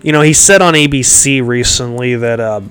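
A podcast host rambles in casual chat, his medium-pitched voice a bit bright and clean yet nasal and congested-sounding. He talks at normal speed, full of fillers and restarts, chuckling often over soft background music.

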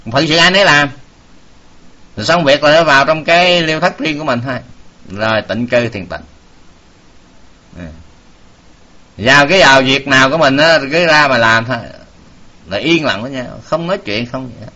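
Bright-voiced preacher. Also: male voice, medium pitch, normal speed, long pauses. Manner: folksy, with many filler sounds, addressing the audience. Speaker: Buddhist preacher. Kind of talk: sermon storytelling. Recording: dull lo-fi recording.

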